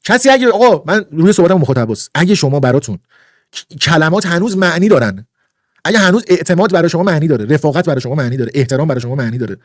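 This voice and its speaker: A man rants on a livestream, indignant and lecturing, hammering his points home by repeating them. His voice sits a little high. The sound is dry and close, with no room to it. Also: lively intonation, no echo. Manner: indignant, lecturing, repetitive emphasis. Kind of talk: heated livestream rant.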